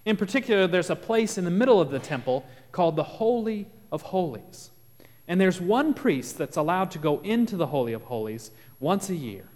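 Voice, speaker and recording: A man with a slight Texas accent delivers a sermon from the pulpit, explaining scripture in an earnest, teacherly way. His voice sits a little high for a man, and he lets his volume rise and fall around dramatic pauses. The sound carries the long reverb of a large church sanctuary. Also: expressive, a little mellow. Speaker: pastor.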